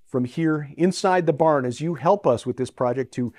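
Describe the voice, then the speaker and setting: A middle-aged ministry host gives a relaxed, casual walkthrough to camera, inside a large metal pole barn and outdoors beside it, using frequent fillers. He wears a lapel mic; his voice is on the high side at normal speed, with no echo.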